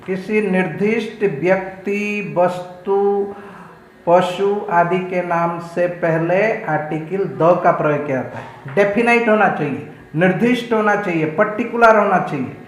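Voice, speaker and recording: A male school teacher giving an online English grammar lesson, explaining slowly in a mix of English and Hindi and asking the class questions. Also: sits high, roomy sound, low-quality recording.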